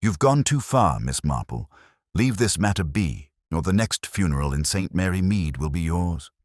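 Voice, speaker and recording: Miss Marple, a shrewd old spinster, read by a deep-voiced man. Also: lively intonation, moderate pace, dry recording, studio quality. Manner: gentle, prim and polite. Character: shrewd genteel elderly spinster sleuth.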